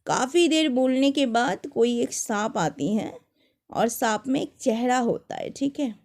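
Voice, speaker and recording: A young woman telling personal stories to viewers in a casual, animated way, often restarting her sentences. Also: on the high side, a little slow, vocal fry. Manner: animated, dramatic retelling with many restarts. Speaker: storyteller.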